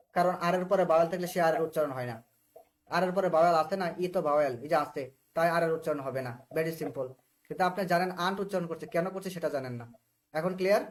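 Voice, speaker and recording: A man with a Bangladeshi accent teaching a live online English class, who explains patiently, repeats himself and keeps asking whether students understand. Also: on the high side.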